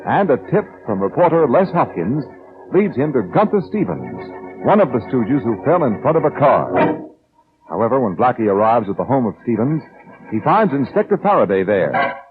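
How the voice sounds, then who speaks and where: A man working as announcer on an old radio show, reading scripted commercials and story recaps in a smooth, persuasive pitchman manner. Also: big pitch swings, normal speed, music in the background. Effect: old radio broadcast sound. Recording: tinny lo-fi vintage radio broadcast.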